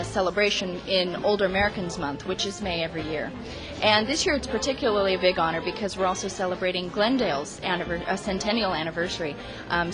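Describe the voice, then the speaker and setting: A woman community services manager speaking in an interview, steady and informative with frequent fillers. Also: on the low side, low-quality recording.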